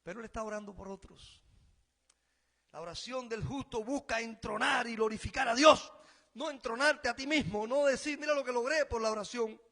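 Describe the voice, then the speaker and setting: A Cuban man with a Cuban Spanish accent preaching a sermon as pastor, rising loud on key phrases and then dropping quiet. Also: very high voice, normal speed. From Cuba.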